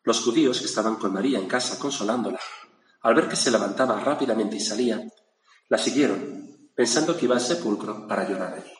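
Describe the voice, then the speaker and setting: A man's voice: on the low side, a little fast. A man from preaching a reflective gospel sermon, in a conversational manner with little asides to his listeners. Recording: echoey hall with faint room noise.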